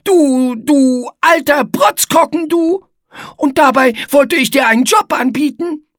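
A woman's voice: sits high, unhurried, no echo, clean studio sound, voice pushed up. A woman voicing a prim, easily offended young female spider in a storybook reading.

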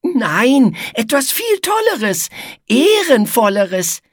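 Storybook: a touchy, show-off spider girl, voiced by a woman, very high and sing-song. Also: sing-song, takes it slowly, no echo, clean studio sound, heavily acted. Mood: eager. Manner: prissy and easily offended. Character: prim, conceited young female spider cheerleader.

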